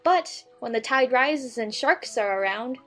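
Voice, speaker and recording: Polite, curious young Alice. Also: female voice, a little high, animated, measured pace, a bit bright, soft background music. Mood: reciting. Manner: polite, earnest, a bit timid.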